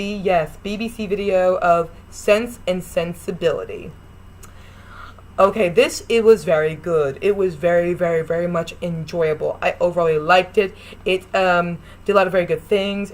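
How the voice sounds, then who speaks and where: A young woman casually reviewing and ranking films, talking in a chatty, rambling way with restarts and gushing praise. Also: on the low side. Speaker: vlogger ranking film adaptations.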